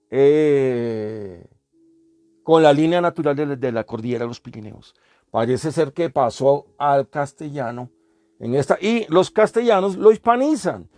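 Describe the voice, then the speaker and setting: A man's voice: a little high, a little mellow, no echo. A man lecturing a class, explaining step by step, repeating sounds and asking the class questions. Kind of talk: classroom lecture on language history.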